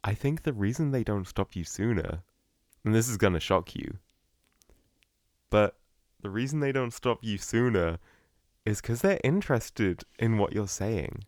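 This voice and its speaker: A podcast co-host in casual chat, supportive and gently teasing, laughing often. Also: medium pitch, animated, measured pace, pauses often, dry recording, clean studio sound.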